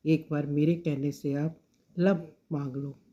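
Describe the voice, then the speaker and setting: A woman voicing a patient young daughter-in-law who speaks softly and politely. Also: sits low, fairly even intonation, slow. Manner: soft and polite. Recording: dull lo-fi recording.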